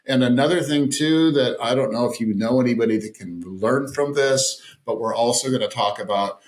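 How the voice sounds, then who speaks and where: A man hosts a casual podcast interview at a mid-range pitch. He is enthusiastic and chatty. He often says the same phrase twice to drive a point home. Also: moderate pace. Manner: enthusiastic, repeats phrases for emphasis. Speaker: podcast host.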